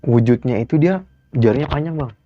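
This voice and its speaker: Speaking briskly in a colloquial Jakarta accent, a young Indonesian man from Jakarta casually spins a ghost story as an interview guest. He performs each character's lines with big, sudden leaps in pitch, captured in a dull, dry recording with faint music underneath.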